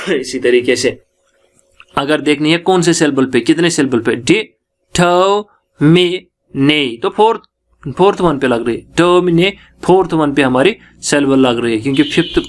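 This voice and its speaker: A man with a Kashmiri accent, medium in pitch and animated, teaches an English lecture using Hindi, slowly reading out English passages and then breaking them down.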